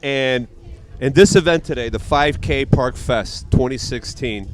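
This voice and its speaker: A male radio host introducing guests at an outdoor event, speaking slowly and deliberately with pauses. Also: medium pitch.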